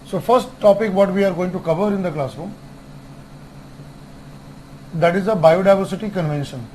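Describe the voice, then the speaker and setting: A man teaching an online exam-prep lecture, repeating key terms and spelling out acronyms slowly. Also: high-pitched, a little mellow, a little hiss or hum, rough recording. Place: classroom with whiteboard.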